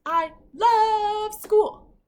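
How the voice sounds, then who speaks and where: With an extremely high, slightly mellow voice and drawn-out words, a woman teacher reads a children's book expressively to her pupils. She chats in asides and addresses questions straight to the children, over slight background noise.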